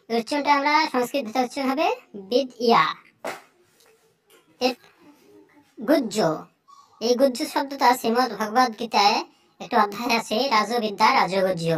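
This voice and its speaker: Young high-voiced Bengali teacher. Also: fairly bright tone. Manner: slow, repeats each word several times. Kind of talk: teaching Sanskrit pronunciation.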